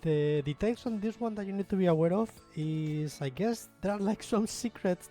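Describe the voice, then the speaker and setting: A man's voice: sits high, normal speed, warm tone, soft background music. A young man with a Spanish accent, explaining his miniature painting in a rambling, self-deprecating way with lots of fillers. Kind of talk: casual tutorial talk.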